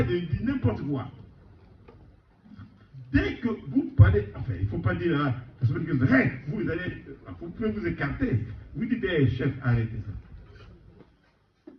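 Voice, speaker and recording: A man preaching an informal sermon, animated and repeating words for emphasis. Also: high-pitched, a little hiss or hum. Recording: echoey room, distant mic, dull sound.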